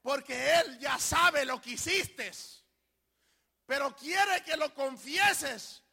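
A male pastor preaching a sermon, speaking emphatically, now and then shouting key lines and urging the congregation to respond. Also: extremely high pitch, takes it slowly, creaky. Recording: long hall reverb.

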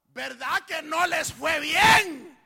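Man playing Jesus hailing his disciples, loud teasing call, very high voice, bright, long hall reverb. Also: slow, vocal fry, full character voice.

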